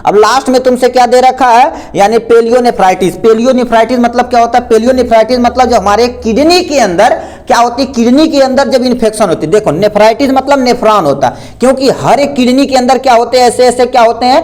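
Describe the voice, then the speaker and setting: A man's voice: extremely high pitch, brisk, hardly any pauses, darkish tone. A man teaching a pharmacy class, explaining terms with a diagram and answering his own repeated questions.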